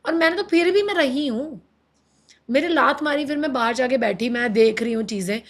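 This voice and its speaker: An interview guest in her thirties describes her marriage emotionally, her high-pitched voice at normal speed. Animated throughout, she blends Hindi with English and performs other people's lines in acted voices.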